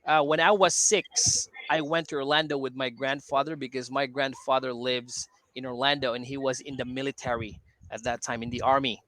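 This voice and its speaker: A man's voice: mid-range voice, steady tone, normal speed, hardly any pauses, pushed and bright. A middle-aged man from the Philippines tutoring English over a video call, chatty and explanatory, peppering his talk with "you know" and "right?". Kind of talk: casual conversation lesson.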